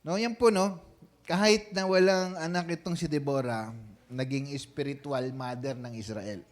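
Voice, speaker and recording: A man's voice: on the high side, fairly even intonation, normal speed. Man preaching in a chatty style. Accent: Filipino. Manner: conversational preaching, frequent tag questions. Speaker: senior pastor. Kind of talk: sermon.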